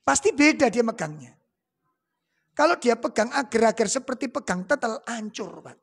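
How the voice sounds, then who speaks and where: Gravelly Javanese-accented male preacher. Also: very high voice, expressive, moderate pace. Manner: joking, asks the audience rhetorical questions. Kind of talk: religious lecture.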